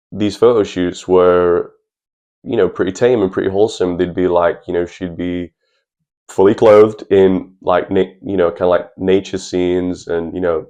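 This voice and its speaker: A man's voice: low voice, a little mellow, smooth. A young man giving earnest, chatty advice in a personal vlog, talking straight to the viewers. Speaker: channel host.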